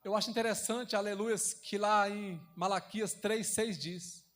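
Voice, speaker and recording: A young deacon preaches in a church with a strikingly high voice for a man. He repeats phrases fervently and moves between raised, urgent passages and soft, hushed ones. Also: fairly even intonation, a little slow. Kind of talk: sermon.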